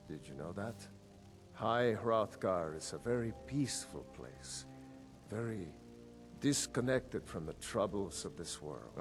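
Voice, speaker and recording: A stately jarl, grave and formal. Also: male voice, fairly low pitch. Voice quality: measured, formal. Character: stately middle-aged male jarl, grave and proud. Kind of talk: video game dialogue.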